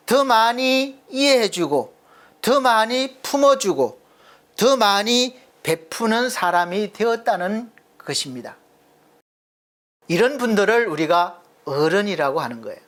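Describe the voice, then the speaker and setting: A middle-aged male pastor preaching a sermon earnestly, asking rhetorical questions and slowing down to stress his points. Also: high voice, expressive, a bit bright.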